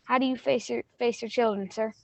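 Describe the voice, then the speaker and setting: A woman playing a mock-indignant, deadpan narrator who accuses the audience in a comic school stage play. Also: fairly high pitch, brisk, gravelly, dry recording.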